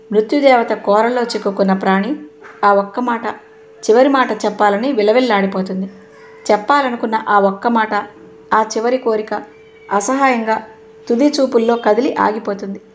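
A woman narrating a novel in a measured, dramatic storytelling manner. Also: a little high, slight background noise. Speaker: audiobook narrator.

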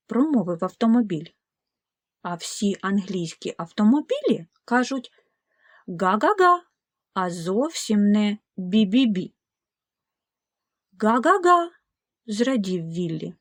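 A woman narrating a children's audiobook fairy tale in a slow, gentle, expressive way. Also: mid-range voice, husky, no room sound, clean studio sound. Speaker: storyteller.

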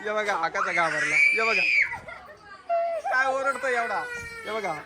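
Woman, vlogger, casual commentary, lively, bouncy pitch, loud crowd and noise behind. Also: unhurried. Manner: lively, often shouting and laughing. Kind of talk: casual vlog commentary to camera.

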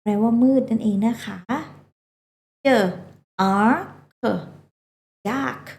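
A woman's voice: on the high side, fairly even intonation, slow pace, vocal fry, warm tone, reverberant. A woman teaching a children's phonics lesson, sounding out English words letter by letter and coaxing the children along.

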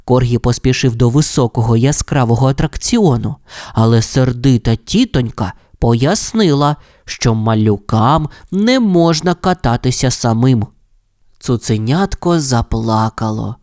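A narrator reading a children's audio fairy tale in an expressive, lilting storytelling voice. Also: mid-range voice, a little slow, no room sound, studio quality.

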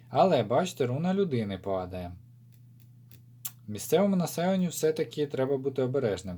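A man with a Ukrainian accent and a mellow, dark-toned voice talks through a rune reading at an unhurried pace. He thinks aloud and fills his pauses with drawn-out "well" and "so". His pitch sits in a middle range for a man. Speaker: rune reader. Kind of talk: casual spoken rune divination.

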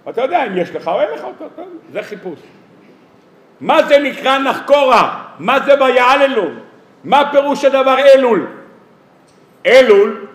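Lively high-voiced rabbi in an echoey hall. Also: male voice. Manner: lively, humorous, rhetorical questions, acts out everyday dialogues. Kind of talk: weekly Torah sermon to an audience. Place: lecture hall or synagogue.

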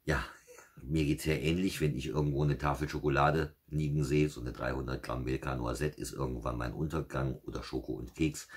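Very deep husky man reading a bedtime story. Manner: calm, relaxed, self-mocking. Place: small home studio.

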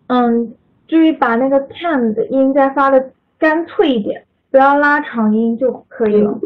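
Over a tinny-sounding video call, a woman runs an online English pronunciation class, calling on students by name and correcting them with patience. She speaks in a high voice at a moderate pace.

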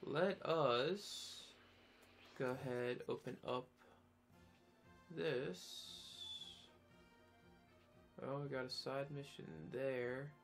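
A man narrates his video game playthrough in a casual, chatty way, tossing in dry sarcastic remarks. His voice sits at an ordinary middle pitch, and soft game music plays underneath. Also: very slow, long pauses. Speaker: gaming channel host. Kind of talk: casual gameplay commentary.

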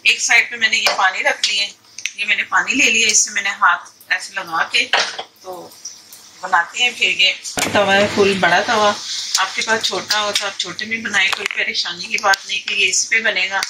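Cooking in her home kitchen, this Pakistani channel host keeps up casual chatter, describing each step and restarting sentences often. She speaks at normal speed with a medium pitch and fairly even intonation. The recording is very noisy, with pots, pans and clicks clearly audible.

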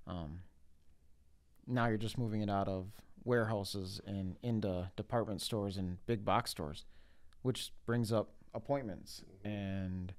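A man's voice: on the low side, fairly even intonation, measured pace. A man on a logistics panel, speaking casually and practically, explaining things through what drivers face day to day.

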